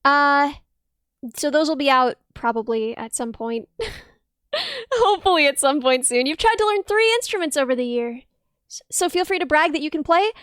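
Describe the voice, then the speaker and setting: Here a young woman, a musician who streams, talks casually to her viewers at a moderate pace. Bubbly and gushing, she lets out shrieks of excitement while thanking them, her high, dense voice bright and a bit piercing, captured dry and close without echo.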